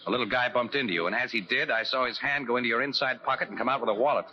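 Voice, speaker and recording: A man's voice: mid-range voice, racing, natural voice. A man playing a wisecracking, stubborn newspaper photographer, slangy and wry, in 1940s radio acting. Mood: confident. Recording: muffled old-time radio recording.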